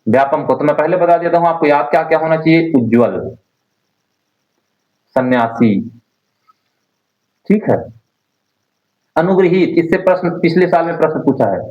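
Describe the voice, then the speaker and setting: A man's voice: a little high, lively intonation, normal speed, pauses often. A male teacher leading an online Hindi spelling class, repeating words and quizzing his students. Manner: drills words by repeating them, asks students questions. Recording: roomy, dull lo-fi sound.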